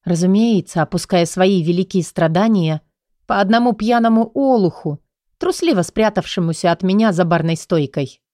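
A woman's voice: lowish voice, animated, moderate pace, warm tone, dry recording, clean studio sound. A woman narrating a first-person romance audiobook, with a dramatic, emotionally charged reading.

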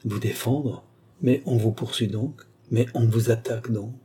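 A man reading the part of a dignified princess who heads a convent, speaking calmly and firmly. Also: mid-range voice, a little slow, breathy edge. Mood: measured. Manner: calm, firm, questioning. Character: dignified royal prioress of a convent. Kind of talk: audiobook character reading.

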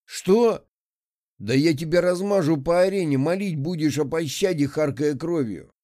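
A man puts on a spoiled young aristocrat who flares into rage at any slight. The voice sits high and loud and turns shrill, yet the tone underneath stays dark and close to the mic. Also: animated, measured pace, no room sound. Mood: enraged. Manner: sneering, shrill and shouting. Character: arrogant hot-headed young male noble, fire mage.

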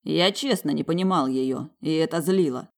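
An audiobook narrator reading a novel in an even storytelling manner. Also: medium pitch, moderate pace, vocal fry.

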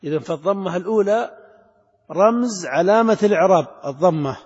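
High-voiced man teaching in a hall. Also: animated, fairly quick, a little mellow, breathy edge. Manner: repeats key words and asks the class questions. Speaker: grammar teacher. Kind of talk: classroom lesson explaining grammar. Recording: lo-fi lecture hall recording with long reverb.

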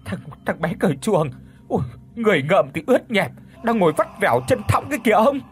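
A woman's voice: medium pitch, very animated, a little fast, faint music behind, pitched above the performer's own voice, natural voice. A man voicing a frightened old village grandmother who stammers and trembles in panic. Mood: terrified.

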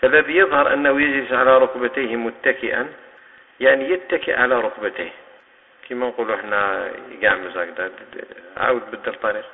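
Algerian sheikh teaching in an echoing mosque. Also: male voice, medium pitch, fast, long pauses. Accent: Algerian Arabic. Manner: patient, explaining terms and coaching students to demonstrate. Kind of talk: hadith commentary lesson. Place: mosque hall. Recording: tinny lo-fi recording with long mosque reverb.

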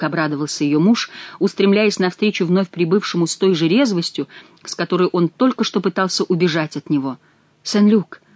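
A woman narrating an audiobook in a steady, expressive reading. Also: on the low side, no room sound.

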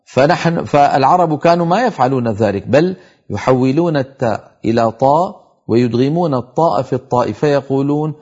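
A middle-aged man teaching tajweed on a televised lesson, explaining each rule and reciting the example words slowly. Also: mid-range voice, lively intonation, a little mellow, husky, highs cut off.

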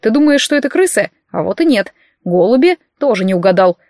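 A woman's voice: fairly high pitch, big pitch swings, brisk, a little mellow, no room sound, studio quality. A woman reading the lines of a cocky, teasing young man who jokes smugly. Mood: joking. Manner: teasing, joking, smug.

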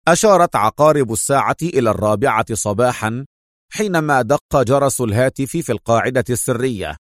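A man's voice: medium pitch, expressive, a little fast, no room sound, studio quality. A man narrating a spy novel as an audiobook, telling the story expressively.

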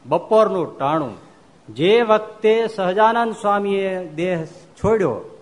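A man, a monk giving a devotional storytelling sermon, animated and acting out the speech of the people in his story. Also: mid-range voice. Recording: long hall reverb.

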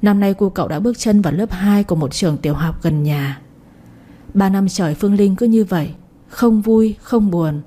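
A woman narrating a story in an even, gentle reading voice. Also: mid-range voice, slightly rough.

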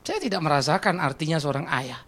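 A man preaching a sermon as a pastor, telling stories and personal confessions, swinging between loud exclamations and quiet reflective passages. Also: on the high side, expressive, a little fast.

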